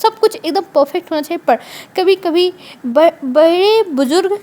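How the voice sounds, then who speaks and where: A secretive young businessman with a teasing, playful tone, as a woman narrator puts him on. He is pitched high, with no real attempt at a man's voice. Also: animated, moderate pace, darkish tone.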